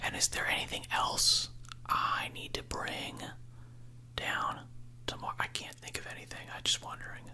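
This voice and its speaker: A man in his thirties chatting casually on the phone in a breathy ASMR whisper, close to a desktop microphone in a small room. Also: normal speed, pushed and bright, low-quality recording. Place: small room indoors at home. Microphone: close desktop condenser microphone.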